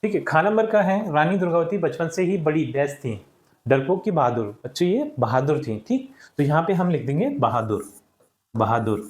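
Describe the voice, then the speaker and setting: Male teacher, slightly high-pitched, steady and patient, talks to kids, roomy echo. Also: moderate pace. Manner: patient, explains step by step, often addresses children. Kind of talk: classroom lesson explanation.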